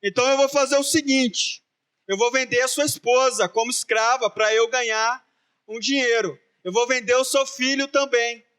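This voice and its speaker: Man doing a high-pitched stern king, plain delivery. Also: fairly even intonation, normal speed, fairly bright tone, smooth. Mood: firm. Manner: firm, conversational, then scolding. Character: stern wealthy king, man, middle-aged.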